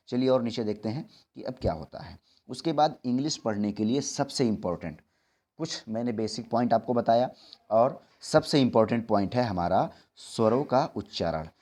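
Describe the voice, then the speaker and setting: Young guy teaching english in hindi, kinda low voice, slow spelled-out examples, keeps repeating reminders. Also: darkish tone. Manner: patient, repetitive teacher; slows right down to spell out examples. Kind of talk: Hindi-language English lesson.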